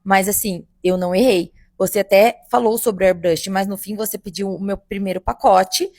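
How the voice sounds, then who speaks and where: Brief: young woman, makeup artist, gravelly, dry close mic, casual animated storytelling. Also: medium pitch, normal speed, dry recording. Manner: animated, addresses listeners as "gente". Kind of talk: casual first-person storytelling.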